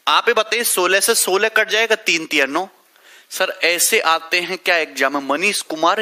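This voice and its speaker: A man's voice: sits high, pushed and bright. A male math teacher, leading a live online class, working through sums step by step and teasing students by name.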